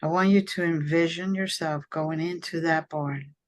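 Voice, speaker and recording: A woman leading a guided meditation in a soft, soothing, measured way, with long pauses between phrases. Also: sits low, fairly even intonation.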